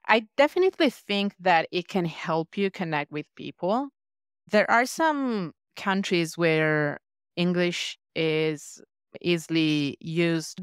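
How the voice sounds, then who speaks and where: In a studio-quality recording free of room sound, an Italian-accented woman from Italy discusses leadership coaching as a podcast guest. Her lowish, smooth voice carries a thoughtful, reflective, earnest manner.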